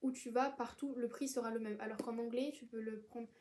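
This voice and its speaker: A woman's voice: on the high side, steady tone, a little fast, darkish tone, slight background noise. Chatty young woman rambling about books. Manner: chatty, rambling, many fillers and restarts. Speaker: book vlogger. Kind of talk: casual book haul chat.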